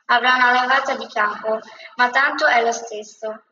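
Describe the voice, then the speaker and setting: A whimsical office lady, as a woman reading a storybook puts her on, speaks in an airy, carefree way. The voice is high and bright. It is recorded from a distance in a dull recording. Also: steady tone, normal speed, echoey room, background noise, close to an everyday voice.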